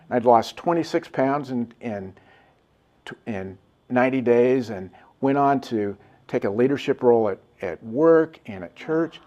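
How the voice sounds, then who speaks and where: A man's voice: mid-range voice, dark tone. A man, a guest, telling an earnest and reflective story in casual talk.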